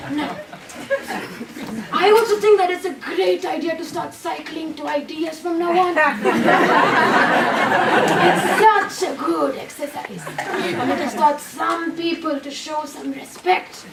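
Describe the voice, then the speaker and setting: Bossy panto schoolmistress, played by a woman, piercingly high, patronising, commanding, echoey hall with loud audience. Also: gravelly, far from the mic, exaggerated voice. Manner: exaggerated, commanding, patronising stage delivery. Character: bossy, condescending teacher scheming behind false sweetness. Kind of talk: live pantomime stage comedy. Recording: echoey, very noisy hall from afar.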